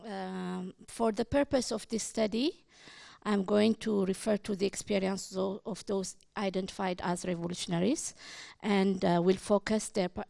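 A middle-aged woman from Ethiopia presents her research at a conference, pausing often with fillers and restarting her phrases. Her voice has a gravelly fry at the edges. The sound is dry and close. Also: mid-range voice, steady tone, mellow, no room sound. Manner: hesitant, many fillers and restarts. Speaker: conference speaker, independent researcher.

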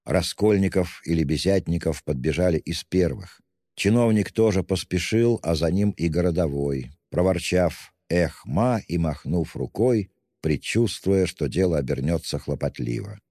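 A man reading an audiobook in a measured, even narration. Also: low voice, no room sound, studio quality.

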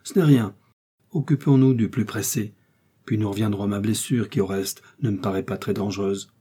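A man's voice: lowish voice, steady tone, dark tone, breathy edge. A man reading an audiobook and voicing a bold, hot-headed young male swordsman who talks brashly and defiantly. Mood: brisk. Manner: brash, defiant and quick-tempered. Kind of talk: audiobook character voice.

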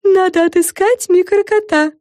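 A woman's voice: very high voice, steady tone, moderate pace, a little mellow, no echo, studio quality, pitched above the performer's own voice. A woman voicing a vain, bossy young fairy girl in a storybook reading, talking in a self-important way.

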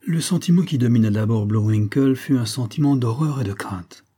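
A man reading a novel aloud as an audiobook narrator, measured and even. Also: medium pitch, husky. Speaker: audiobook reader.

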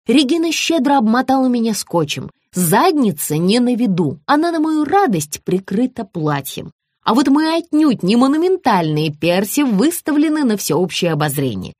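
A woman narrating a comic first-person audiobook in a wry, expressive manner on a close studio mic. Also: a little high, dry recording.

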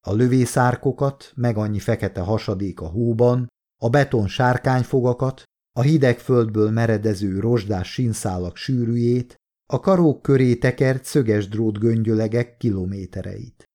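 A man reading a novel as an audiobook in steady, measured narration. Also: mid-range voice.

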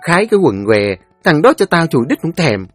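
A man voicing a foul-mouthed, shrill teenage village girl who screeches curses and fast threats. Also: sing-song, faint music behind. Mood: furious.

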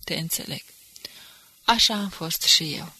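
A woman's voice: lowish voice, vocal fry, fairly bright tone, slightly rough, dry recording, heavily acted. A woman reading the part of a contemptuous, hard-drinking male enemy agent who speaks with cool disdain. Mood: scornful.

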